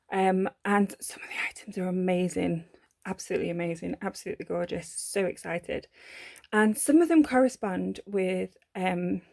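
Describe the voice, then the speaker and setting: A woman's voice: medium pitch, gravelly, darkish tone, no echo. A woman, from the UK, chatting casually through a papercraft unboxing, gushing about the items with lots of ums and self-corrections. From United Kingdom. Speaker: papercraft vlogger.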